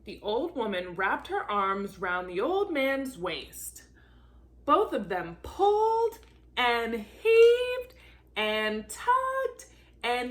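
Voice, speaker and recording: A volunteer storybook reader, a woman with a very high and bright voice, reads a children's story out loud. Her telling is theatrical and full of energy, with wide pitch swings. She takes her time, drawing out key words for emphasis.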